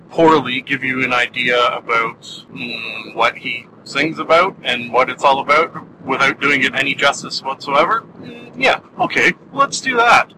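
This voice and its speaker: A man's voice: mid-range voice, noisy background. A man giving a casual spoken review, rambling and self-deprecating, with many fillers and restarts.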